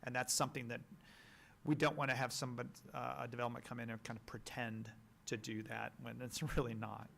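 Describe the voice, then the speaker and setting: A man on a town's planning staff, explaining policy to a council in a halting, explanatory way on a meeting microphone. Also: medium pitch, flat delivery, vocal fry, a bit bright, a little hiss or hum. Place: town meeting room.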